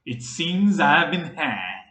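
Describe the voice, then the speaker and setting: A man voicing a gleeful villainous male human mage who speaks in a calm, persuasive, cackling way. The recording is roomy. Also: fairly high pitch, slow, heavily acted. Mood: smug menace. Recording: roomy echo.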